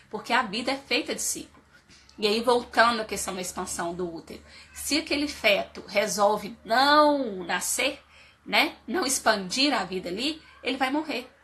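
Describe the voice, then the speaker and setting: A woman with a cold gives an informal live motivational talk on life stages, peppering her audience with rhetorical questions. Her nasal voice is medium-pitched with a sharp tone.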